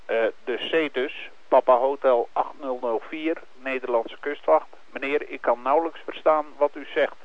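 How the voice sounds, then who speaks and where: A man working as a coast guard radio operator, speaking over a marine two-way radio in calm, formal radio procedure and reading call signs and numbers out slowly. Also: mid-range voice. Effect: heard over a marine two-way radio. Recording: tinny narrow-band radio transmission.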